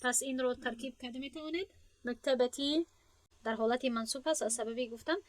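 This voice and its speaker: Woman teaching grammar, higher voice. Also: no room sound, poor audio. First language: Persian. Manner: explains step by step, asks students questions and praises answers. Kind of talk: online grammar lesson.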